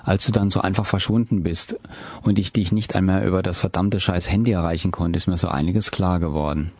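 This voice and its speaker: A man doing a gentle older boyfriend. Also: sits low, brisk, husky, no room sound. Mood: tender. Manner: soft, calm and soothing. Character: gentle, caring man around thirty, the older partner.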